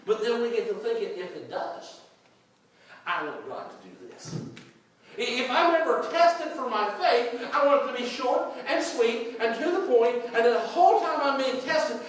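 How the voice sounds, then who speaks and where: A pastor preaches in a high, lively voice, folksy and repetitive as he swings from loud to hushed. He sounds distant from the mic in a very echoey church, with faint room noise behind him. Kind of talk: sermon. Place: church sanctuary. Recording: echoey church recorded from far off.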